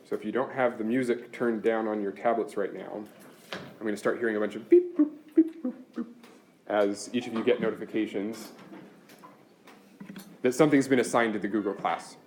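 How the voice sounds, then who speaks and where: A man's voice: on the low side, fairly even intonation, fairly quick, darkish tone, slight background noise. A man teaching a university class, explaining course logistics step by step in a practical, chatty way. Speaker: university instructor. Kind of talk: classroom lecture.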